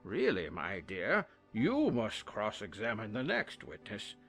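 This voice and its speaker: A man playing a pompous, muddled king in a children's audiobook drama, with a drawn-out, dithering, theatrical delivery. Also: fairly low pitch, huge pitch swings, vocal fry, fairly bright tone, faint music behind, pitched below the performer's own voice, full character voice. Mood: weary, grumbling. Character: muddled, pompous old King of Hearts presiding as judge.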